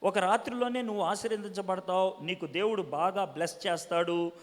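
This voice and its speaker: High-voiced preacher man in echoing hall. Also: steady tone, a little fast. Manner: rhetorical questions, asks audience for answers; mixes English words into speech. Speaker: evangelist answering questions. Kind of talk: Q and A preaching to young people. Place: conference hall. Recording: long hall reverb.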